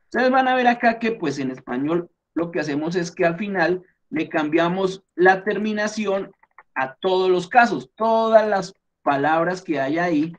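Male teacher, Colombian accent, higher voice, patient explainer who keeps checking in. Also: expressive, moderate pace. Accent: Colombian Spanish. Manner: patient step-by-step explaining, frequent fillers and check-ins. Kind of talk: explaining a class lesson.

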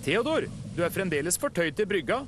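A man's voice: sits high, very animated, voice pushed up. A man voicing a worried harbour traffic chief who gives firm, careful instructions. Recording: music playing behind.

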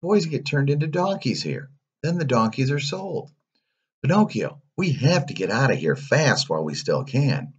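A man's voice: mid-range voice, sing-song, moderate pace, slightly rough, lo-fi sound, pitched above the performer's own voice. A man voicing a small, fussy, anxious cricket companion. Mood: urgent.

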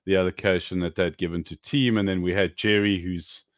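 A man in his thirties co-hosting a casual crypto chat on a video call, animated and emphatic, swearing casually. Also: low-pitched, a little fast, dry recording, clean studio sound. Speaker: co-host. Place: home room. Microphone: webcam video call.

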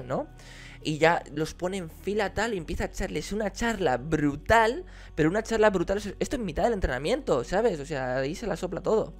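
Spanish man, kung fu teacher, animated storyteller with a fairly high voice, faint music underneath. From Spain. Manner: animated, bursts into shouting when reenacting. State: injured leg, resting. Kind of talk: casual storytelling to camera.

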